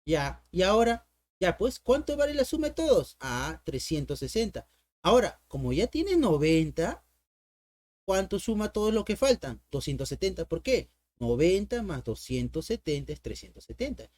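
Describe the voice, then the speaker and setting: A man's voice: high voice, sing-song, normal speed, a little mellow, dry recording. A man teaching an online math lesson in a playful, coaxing way. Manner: playful, coaxing, talks to viewers and imagined students.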